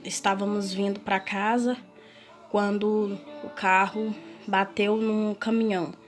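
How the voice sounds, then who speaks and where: A woman with a Brazilian Portuguese accent giving an emotional personal testimony, telling it earnestly and haltingly, often restarting her sentences. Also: medium pitch, flat delivery. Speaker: testimony speaker. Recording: music playing clearly behind.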